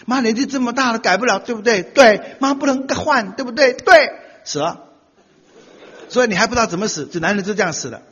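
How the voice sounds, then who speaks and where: Middle-aged male speaker for a comic talk, animated and lively, forceful bright tone, roomy hall reverb. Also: extremely high pitch, a little fast, slightly rough. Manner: animated storytelling, acts out quoted voices and laughs often. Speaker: speaker giving a talk on marriage. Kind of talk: humorous talk to an audience. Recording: dull lo-fi sound with long hall reverb.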